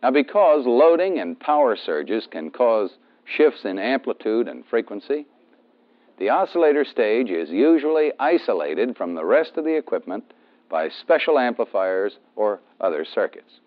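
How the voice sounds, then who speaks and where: An American man with a mid-range, sing-song voice narrates methodical instructions at a moderate pace, playing a training film instructor and stressing key terms. The sound is dull and band-limited, like a 1970s film soundtrack.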